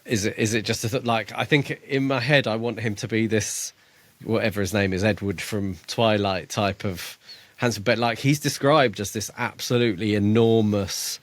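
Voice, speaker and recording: A podcast co-host chats casually about a book in a lowish, steady voice at a moderate pace, recorded dry. He's hesitant, peppering his talk with "um" and "yeah," and laughs easily.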